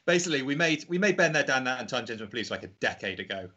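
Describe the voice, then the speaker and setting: Bright-voiced man chatting as interview guest. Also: mid-range voice, big pitch swings, rapid-fire, dull audio. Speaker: indie game developer, podcast guest. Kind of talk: casual interview chat.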